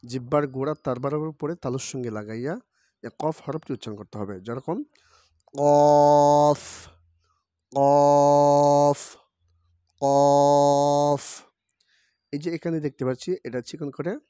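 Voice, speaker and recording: A Quran teacher, a man with a medium-pitched voice and no echo, teaches the Arabic alphabet. He gives brief explanations, then stretches each letter's sound out slowly and loudly, over and over.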